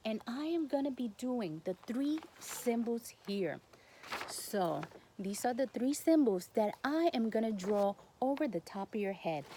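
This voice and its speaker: A woman who is a native Spanish speaker guides a listener through a spiritual healing session in accented English. Her voice sits at a medium pitch, and she talks in short, halting phrases with non-native grammar. There is noticeable noise in the background of the recording. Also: dark tone. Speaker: Reiki healer and instructor. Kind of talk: guided spiritual instruction to camera.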